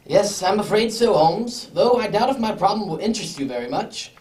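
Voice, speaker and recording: In a radio drama, a woman voices a well-off, courteous English lord who comes across as an earnest, worried client. Her mid-range, darkish voice is animated and a little fast, lightly acted with a formal, slightly hesitant manner. She sounds off the microphone, recorded from a distance in an echoey room.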